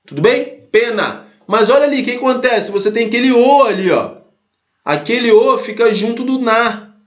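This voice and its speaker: A man's voice: very high voice, lively intonation, moderate pace, echoey room. A man teaching an exam-prep lesson, explaining step by step, repeating his points and checking in with his students. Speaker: Portuguese teacher.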